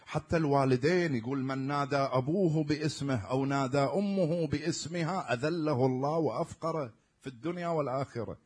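A man with an Iraqi Arabic accent preaches a sermon, hitting words with loud stresses and then sinking to almost a murmur. His voice is mid-range and brisk, with a breathy edge.

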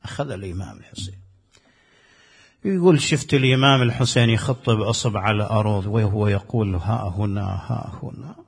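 A man's voice: lowish voice, a little fast, vocal fry, slightly rough. A man preaching a sermon, telling a story with passion and acting out the dialogue of the people in it. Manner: impassioned, acts out quoted dialogue with rising force.

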